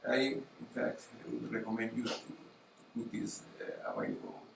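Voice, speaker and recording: A middle-aged man who is not a native English speaker, questioning formally and haltingly as an academic examiner at a thesis defense. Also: lowish voice, huge pitch swings, gravelly. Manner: halting, with repeated words and searching pauses. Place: university auditorium. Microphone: gooseneck table microphone. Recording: distant mic in echoey hall, faint noise.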